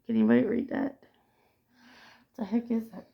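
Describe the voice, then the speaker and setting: A woman's voice: a little high, wildly swooping pitch, brisk, vocal fry, highs cut off. A woman co-hosting a casual pop culture chat, reading film trivia aloud and often stumbling over and correcting her words. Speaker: co-host.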